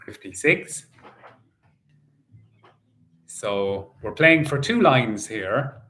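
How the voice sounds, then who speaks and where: A man working as a bingo caller, calling out numbers in set phrases and repeating each in a measured, sing-song way. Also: on the low side, expressive, pushed and bright.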